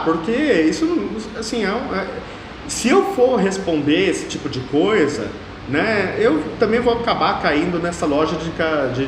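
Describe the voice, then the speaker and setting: A high-voiced man in his thirties with a São Paulo state Portuguese accent, making his case in an interview. He talks emphatically and hammers points home by repeating them. The room rings with a long, echoey reverb and a faint hum underneath. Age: 30s. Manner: emphatic, repeats phrases for force. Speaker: mayoral candidate. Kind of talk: political interview.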